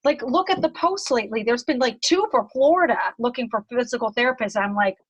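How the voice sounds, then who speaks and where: A woman with a fairly high voice leads a casual group conversation. She rambles a little, circling back and repeating words as she thinks aloud. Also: lively intonation, brisk, breathy edge. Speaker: group host.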